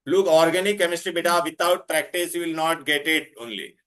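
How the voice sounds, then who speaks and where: An Indian man teaches a class in a fairly high, bright, forceful voice. He repeats himself insistently and puts questions to his students. His English has Hindi words and phrases mixed in. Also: steady tone, a little fast. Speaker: chemistry teacher.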